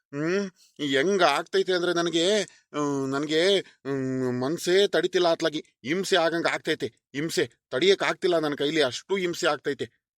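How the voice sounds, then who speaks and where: Guy doing a cranky village landlord cartoon voice, high pitched, always scolding. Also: unhurried, fairly bright tone, dry recording, clean studio sound. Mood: humiliated, brooding. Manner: scolding, grumbling. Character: proud grumpy middle-aged male village landlord.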